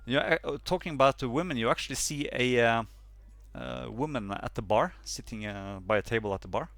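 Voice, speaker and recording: A man's voice: mid-range voice, fairly quick, creaky, a bit bright, dry recording. Hesitant male game master, dry sound. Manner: hesitant, many fillers, laughs often. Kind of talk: narrating a tabletop game.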